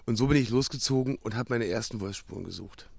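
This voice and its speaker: A man's voice: fairly low pitch, quick pace, vocal fry, darkish tone, no room sound. A man speaking as a wolf expert guest, telling his story in a children's audio play.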